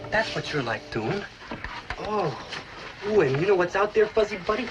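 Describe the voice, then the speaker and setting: An actor playing a hungry, childish, cowardly young American beatnik in a 1960s sitcom, talking in slang and dramatic exclamations. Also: male voice, high voice, very animated, moderate pace, highs cut off, very noisy. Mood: gloomy dreaming. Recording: old TV soundtrack with music behind.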